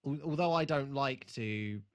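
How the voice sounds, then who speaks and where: This man co-hosts a podcast and reviews a TV show in a casual chat. His voice is medium-pitched and a little slow, and his talk is rambling, enthusiastic and full of swearing.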